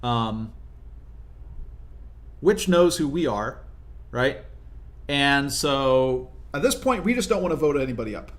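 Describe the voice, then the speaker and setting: A young man giving casual, explanatory commentary over his own gameplay, often tagging his points with quick check-ins to the listener. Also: mid-range voice, lively intonation. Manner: conversational, explanatory, frequent "right?" tag questions. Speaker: gaming video commentator.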